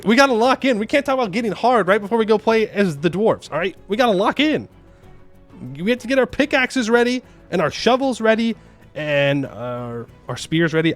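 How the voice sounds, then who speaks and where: A game streamer chats casually on a livestream, reading and answering viewer comments playfully, joking around and often repeating his phrases. His voice sits high, with lively intonation and a moderate pace, and soft music plays in the background.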